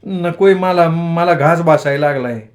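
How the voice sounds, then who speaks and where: A man's voice: a little high, measured pace, voice pushed up, close to an everyday voice. A man voicing a hurt young village son. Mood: hurt, pleading. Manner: plaintive, pleading.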